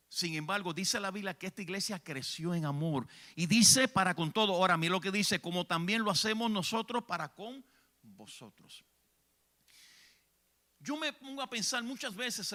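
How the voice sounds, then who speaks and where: Puerto rican guy preaching in church, highish bright voice, goes quiet then yells. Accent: Puerto Rican Spanish. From Puerto Rico. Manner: fervent, swings from hushed to shouting. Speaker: evangelist preacher. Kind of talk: sermon. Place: church sanctuary.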